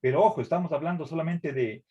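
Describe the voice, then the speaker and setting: A man with a slightly rough, higher-pitched voice talks quickly, and the recording has its highs cut off. He's a university lecturer giving a tutoring lecture, explaining things carefully but hesitantly, with many fillers and restarts, and he often asks "¿sí?" to make sure his students are following.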